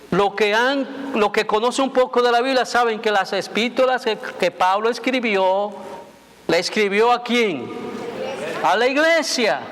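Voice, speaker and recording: A man preaching a sermon as pastor in a church sanctuary, emphatic and deliberate, repeating phrases to drive points home. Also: very high voice, fairly bright tone. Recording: long reverb of a church hall.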